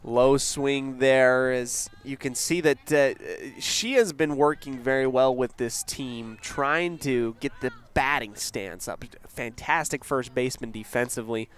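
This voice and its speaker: A man doing play-by-play for a local radio softball game, calm and unhurried with casual fillers, lifting his voice on big plays. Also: medium pitch. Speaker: play-by-play announcer.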